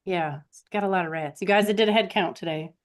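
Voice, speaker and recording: A podcast co-host with a fairly low voice and quick pace chats casually, rambling through anecdotes and acting out snippets of quoted conversation.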